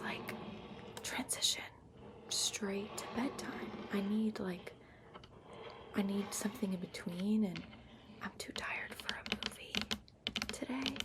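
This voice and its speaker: Speaking in a hushed whisper and soft, medium-pitched voice, a female ASMR vlogger rambles unhurriedly, close to her built-in laptop microphone. The lo-fi recording carries clear background noise, with tapping and keyboard-like scratching sounds.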